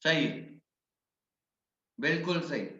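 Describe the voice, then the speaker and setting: High-voiced man teaching a physics class. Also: slow, sharp tone. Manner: coaxing, addresses students by name; mixes English physics terms into his talk. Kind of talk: online class lecture. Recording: muffled echoey room.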